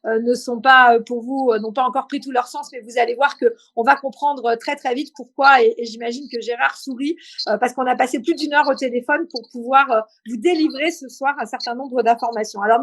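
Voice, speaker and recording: A woman with a high-pitched voice hosts a live interview. She speaks informally, setting up questions and addressing her guest in a familiar way. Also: a little fast. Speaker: interview host. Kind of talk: live online interview, quiz-style questions then conversation.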